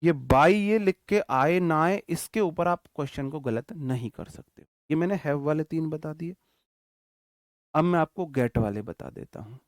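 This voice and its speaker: Male grammar teacher, fairly high pitch, patient dictation, frequent check-ins, dry studio sound. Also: lively intonation, dry recording. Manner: slowly dictates example sentences word by word; checks in often with the class. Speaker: English teacher. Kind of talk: online grammar lesson.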